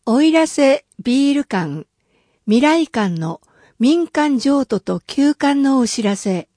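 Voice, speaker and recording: A woman reading official city announcements in a careful, even and formal manner. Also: sits high, takes it slowly, no room sound, clean studio sound. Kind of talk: scripted reading of public announcements.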